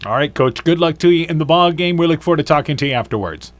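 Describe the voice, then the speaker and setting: A man hosting a sports radio broadcast, brisk and upbeat as he interviews a coach. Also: fairly high pitch, lively intonation, dry recording.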